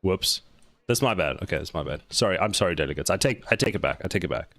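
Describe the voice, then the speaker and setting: Low-voiced man chatting while he codes. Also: animated, fast, vocal fry, a bit bright, no room sound. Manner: playfully scolds and coaxes his code, thanks followers. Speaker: game developer live-streaming. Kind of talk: casual live-stream chat while coding.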